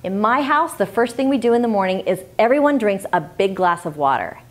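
A woman's voice: mid-range voice, expressive, fairly quick. A woman hosting a health tips video, speaking to camera in an emphatic, scripted style full of rhetorical questions.

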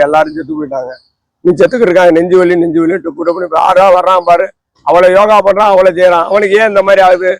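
A man's voice: sits high, no room sound, rough recording. A man, a holy man, talking outdoors under a tree in an impassioned, lamenting and preachy way. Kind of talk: impassioned talk.

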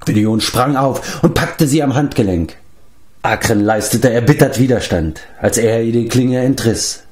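A man narrating an audiobook in a measured, low storytelling tone. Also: darkish tone. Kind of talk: audiobook reading.

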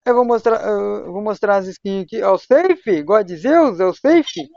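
Over a dull, lo-fi home mic with no echo, a young Brazilian streamer chats to voice chat while gaming, slangy and talkative. His voice is high, animated and darkish with vocal fry, at a measured pace.

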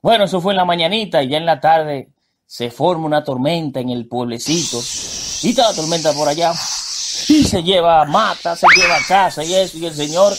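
A man narrating a joke on the radio in a brisk, animated way. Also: fairly high pitch, heavy background noise. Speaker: joke teller. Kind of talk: comic storytelling on radio.

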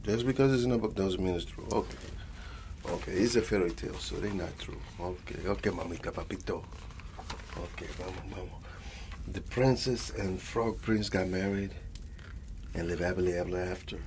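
For an ASMR bedtime roleplay, a man takes on the part of an affectionate old grandfather with a Latin American Spanish accent, telling a story softly and patiently. He drifts along, repeats endearments, and moves between Spanish and English. His low-pitched voice is close to an everyday one, at a moderate pace, with background noise.

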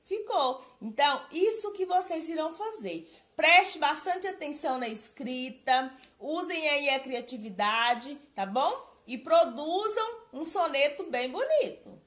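A woman from Brazil, a primary school teacher, giving a recorded lesson to children in a slow, careful, sing-song way. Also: sits high, animated, a bit bright.

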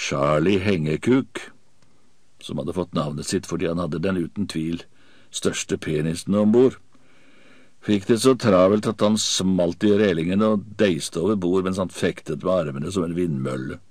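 A man's voice: low voice, darkish tone, no echo. A man narrating an audiobook in the first person with a vivid, dramatic reading.

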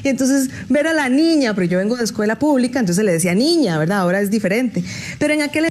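High-voiced woman doing stand-up. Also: animated, fast, a little mellow. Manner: chatty, acts out the people she quotes. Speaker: stand-up comedian. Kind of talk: stand-up comedy monologue. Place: stage before a live audience.

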